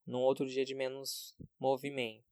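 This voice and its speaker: A man's voice: mid-range voice, completely flat delivery, normal speed, a little mellow, smooth, no room sound, studio quality. A man from Brazil with a Brazilian Portuguese accent, co-hosting a casual chat in a dramatic, emphatic and teasing way.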